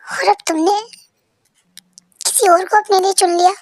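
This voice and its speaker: A woman's voice: very high-pitched, steady tone, unhurried, dry recording, clean studio sound. A woman voicing a shy, jealous young man in love, in a fan-dubbed story, pleading and emotional.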